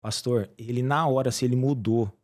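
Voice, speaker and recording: A man's voice: medium pitch, brisk. A middle-aged man with a Brazilian Portuguese accent, a surgeon and guest in a casual interview, telling stories earnestly and acting out the people in them. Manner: earnest storytelling with lively acted quotes.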